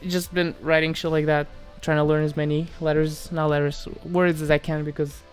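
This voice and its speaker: With faint music behind him, a man from Moldova answers his livestream chat in a relaxed, casual way. His voice sits on the high side, level in tone, at normal speed. He hesitates often, repeats himself, and trails off.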